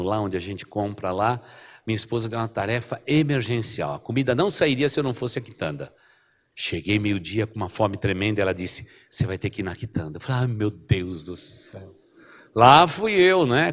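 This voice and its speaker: A middle-aged man with a Brazilian Portuguese accent, a pastor preaching a sermon in a lively storytelling way and often checking in with the congregation. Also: medium pitch.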